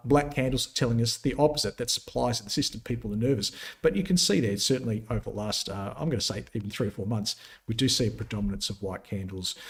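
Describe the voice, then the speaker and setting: A man giving a live market analysis session, talking through charts in a conversational, opinionated way with frequent fillers and restarts, getting emphatic when he makes a point. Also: mid-range voice. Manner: gets emphatic and punchy when making a point.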